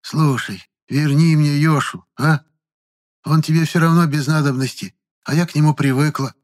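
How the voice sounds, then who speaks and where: A man's voice: medium pitch, fairly quick, pitched above the performer's own voice, close to an everyday voice. A man voicing a shrewd old village fortune-teller woman who probes, commands and grieves in turn. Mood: bitter, pleading. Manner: sharp, probing, commanding, then grieving.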